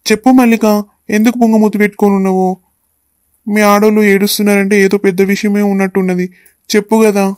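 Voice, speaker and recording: A woman's voice: mid-range voice, level tone, fast talker, darkish tone, dry recording, clean studio sound, natural voice. A woman doing a doting cartoon husband. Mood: coaxing. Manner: coaxing, calls his wife endearments. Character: young husband, doting, quick-tempered.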